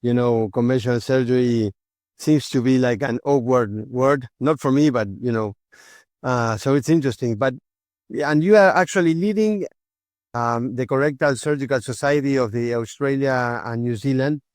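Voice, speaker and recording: A man's voice: mid-range voice, moderate pace, darkish tone, no echo. A young man from Argentina, interviewing a guest and asking questions with fillers and repeated restarts. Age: young adult. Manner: repetitive restarts, many fillers. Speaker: interviewer, surgeon.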